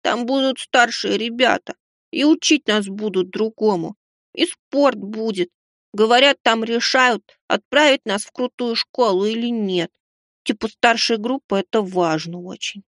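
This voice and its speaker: A sulky little rich boy, very high voice, whiny, mumbling, dry recording. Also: unhurried, fairly bright tone, no echo. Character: sulky small aristocratic boy, hurt and whiny.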